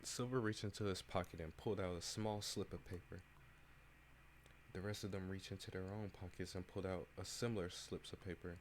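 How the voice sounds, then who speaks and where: Man streamer, low voice, casual read-aloud of a game. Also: steady tone, brisk, a little hiss or hum. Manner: casual, plain narration with asides. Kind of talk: reading a visual novel aloud on stream.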